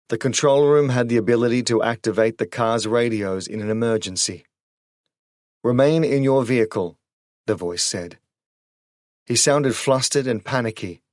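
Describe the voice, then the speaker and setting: A man narrating a horror audiobook in a measured, suspenseful storytelling manner on a close studio microphone. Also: fairly low pitch, no room sound.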